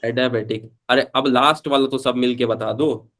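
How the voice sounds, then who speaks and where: A man's voice: mid-range voice, steady tone, normal speed, a bit bright. A man teaching a live online physics class, chatty, calling students beta and switching between Hindi and English.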